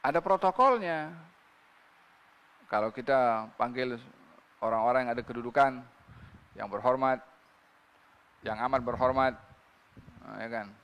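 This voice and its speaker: A man's voice: medium pitch, unhurried, long pauses, clean tone, big-room sound, dull audio. A man preaching a religious sermon, reciting scripture in Arabic and asking his listeners rhetorical questions.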